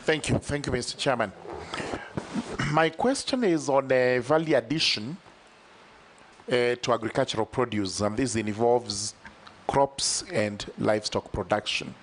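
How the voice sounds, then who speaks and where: A man on a parliamentary panel poses his questions deliberately, working through them point by point. His voice sits at an ordinary middle pitch for a man. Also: a little hiss or hum. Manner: deliberate, lists numbered points. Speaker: member of parliament on a vetting panel. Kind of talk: formal questioning in a parliamentary hearing.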